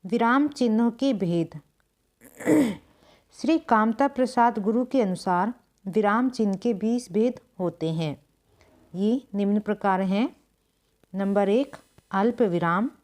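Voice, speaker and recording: Woman teacher, slightly high voice, very slow and patient with long pauses, step-by-step grammar lesson. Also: darkish tone. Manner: unhurried, explains step by step with pauses; clears throat now and then. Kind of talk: slow board-writing lesson.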